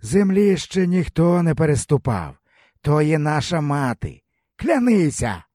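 A stern old pagan elder who commands rather than asks, as a male narrator puts him on. His voice sits high and husky, with slow, solemn, drawn-out words. Dry, close audiobook sound. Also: sing-song, warm tone, no room sound. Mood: solemn commanding. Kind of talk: audiobook character voice.

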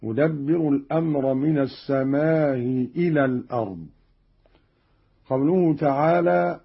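A man with a husky voice delivers a slow, deliberate recitation lesson. He explains each reading, then recites the example in a measured way. The old archival radio recording sounds dull and lo-fi. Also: mid-range voice. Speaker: Quran recitation teacher.

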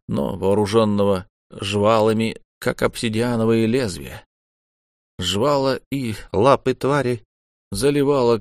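An audiobook narrator with a fairly low male voice reads a scripted story steadily and in a measured way. The recording is dry and close, with no room sound.

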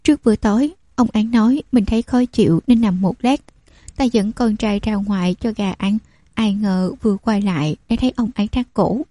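A woman's voice: medium pitch, normal speed, dark tone, no room sound, natural voice. A woman voicing a scheming village widow who stammers and wails defensively. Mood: wailing.

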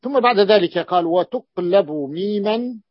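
A man teaching a grammar lesson, explaining a text and slowly repeating his examples to the class. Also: high voice, animated, no echo. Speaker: teacher of Arabic morphology. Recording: dull, dry lo-fi recording.

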